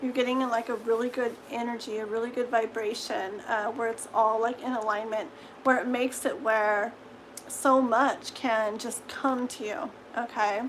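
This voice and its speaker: A woman's voice: a little high, fairly even intonation, normal speed, a little hiss or hum, poor audio. A woman giving a live-stream tarot reading in a chatty, reassuring way, tagging her sentences with "okay?" and laughing easily. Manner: chatty, reassuring, full of "okay?" tags and giggles. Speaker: tarot reader.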